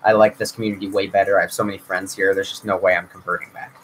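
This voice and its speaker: This young man hosts his own channel and rambles through viewer questions on a casual livestream, stuffing his answers with fillers and restarting often. His low voice is a bit bright, delivered flatly and rapid-fire, with slight background noise.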